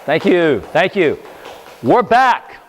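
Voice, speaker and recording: A man's voice: sits high, slow pace, a little hiss or hum. Brief: upbeat jokey talk show host, man, echoey room. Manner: energetic, jokey. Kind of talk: comedic talk show hosting.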